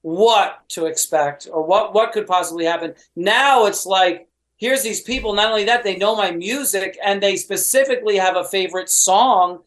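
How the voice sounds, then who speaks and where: A man's voice: sits high, normal speed, poor audio. A man speaking as a podcast guest, telling a long story with energy, peppering it with "you know" and acting out what people said. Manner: lively storyteller, many "you know"s and quoted voices. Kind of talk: animated anecdote telling.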